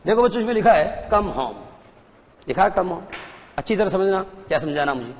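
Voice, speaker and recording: A man teaches a class in a fairly high voice. He explains slowly and says key points twice. His voice rings with a long reverb, as in a broadcast studio. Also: expressive. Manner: explains slowly, repeats points, calls pupils "children". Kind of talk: classroom lecture.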